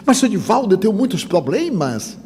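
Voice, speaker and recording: Older man putting on a cranky airport heckler, high and pushy, in a reverberant hall. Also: big pitch swings, brisk, breathy edge, exaggerated voice. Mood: pleading. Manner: loud, confrontational heckling. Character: grumpy impatient man in an airport line.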